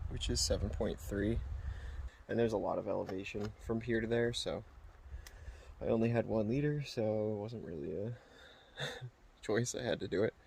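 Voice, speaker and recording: A man chatting casually to his camera outdoors on a mountain trail, relaxed and rambling with lots of fillers. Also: lowish voice, creaky, slight background noise. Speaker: hiker filming his own trail vlog. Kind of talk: casual self-filmed vlog chat.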